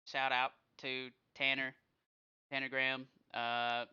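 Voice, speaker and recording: A man co-hosting a podcast in casual chat, encouraging and quick to give shout-outs. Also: mid-range voice, completely flat delivery, smooth. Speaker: podcast co-host. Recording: dull lo-fi sound.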